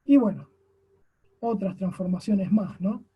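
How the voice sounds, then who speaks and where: Argentine accent, teacher, class lecture, very dark tone, husky, frequent "no?" checks. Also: mid-range voice, expressive, unhurried. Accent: Argentine Spanish. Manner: explains step by step, often adds a questioning "no?" tag. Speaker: language teacher.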